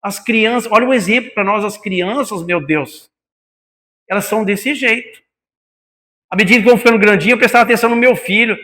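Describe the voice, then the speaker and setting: Here the spiritist lecturer talks a little fast in a high, sharp voice, his Brazilian Portuguese accent clear. Addressing his brothers in the meeting hall, he keeps asking rhetorical questions while long hall reverb trails behind.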